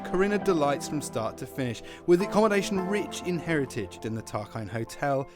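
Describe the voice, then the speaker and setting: An Australian man with a medium-pitched voice presents a travel vlog. He shifts between narration and casual chat, his humour wry, jokey and understated.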